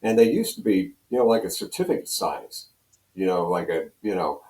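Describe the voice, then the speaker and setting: Speaking as an interview guest, a Pennsylvania radio program director and on-air host in his seventies rambles through casual stories from his past, frequently repeating himself. He has a low, sing-song voice with a darkish tone at normal speed, and the room sound echoes.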